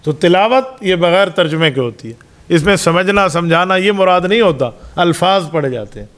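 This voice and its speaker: A man's voice: high voice, animated, fairly bright tone. A middle-aged male mufti giving a Ramadan Quran lesson sermon, telling religious stories, acting out the dialogue and explaining points with emphasis. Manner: storytelling, acts out quoted dialogue. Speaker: mufti, Islamic preacher.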